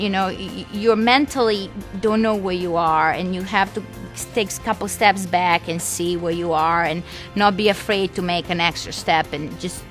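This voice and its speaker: A woman's voice: fairly low pitch, fairly bright tone. A woman in her twenties from Serbia, talking casually in an interview and laughing easily. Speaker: interviewee, aspiring skeleton athlete.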